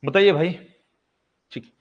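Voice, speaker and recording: A man's voice: on the high side, slow pace. A male teacher giving an exam-prep history lesson in a casual way. He asks a question, answers it himself and repeats the key facts. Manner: casual, addresses students as bhai. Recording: slightly dull lo-fi sound.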